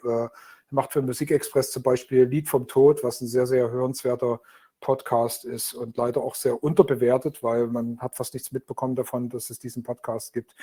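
A man's voice: mid-range voice, mellow, slightly rough. A man from Dresden, a guest speaking casually over a video call from home, rambling with many fillers. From Dresden, Germany. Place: home in Berlin.

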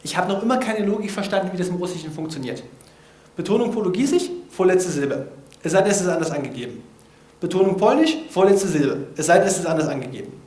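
A man with a notably high voice gives a relaxed, informal talk in front of an audience. He jokes at his own expense and drops slangy asides. The sound carries a roomy echo from the hall. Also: quick pace. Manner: lively, casual and self-mocking, with slangy asides. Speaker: speaker giving a talk on language learning.

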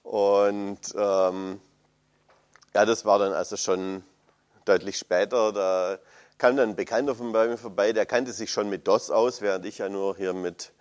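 Deep-voiced man chatting about old computers. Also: fairly even intonation, a little slow, a little mellow. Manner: rambling, hesitant, many fillers. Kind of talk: casual retro computing chat.

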